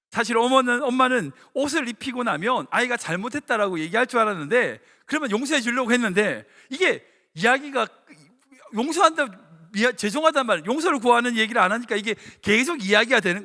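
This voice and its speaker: A man, a senior pastor, preaching a sermon in a church sanctuary as an animated storyteller who acts out dialogue. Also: very high voice. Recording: long reverb of a church hall.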